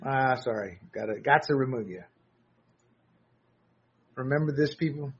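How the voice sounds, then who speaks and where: A man's voice: mid-range voice, unhurried, husky. Combative male political commentator, lo-fi. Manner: combative, sarcastic, rising to shouts. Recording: dull lo-fi audio.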